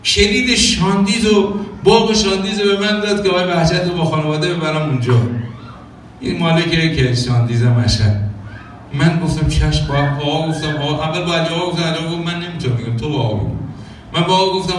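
A man preaches a sermon full of storytelling, animatedly acting out quoted dialogue and singing some phrases. His voice is a little high, and he is recorded from far off in an echoey hall with slight background noise.

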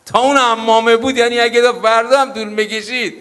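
A man preaching an ethics sermon as a cleric, telling stories with loud emphatic peaks and low murmurs. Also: steady tone, smooth, long reverb tail. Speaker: cleric giving an ethics lecture.

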